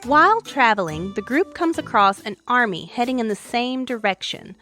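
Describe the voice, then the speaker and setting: A woman narrates a scripted tale as the show's host, her voice sitting a little high. She tells it wryly, with dramatic turns. Quiet music plays underneath. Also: big pitch swings, moderate pace, no echo. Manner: wry, dramatic storytelling. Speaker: story podcast host.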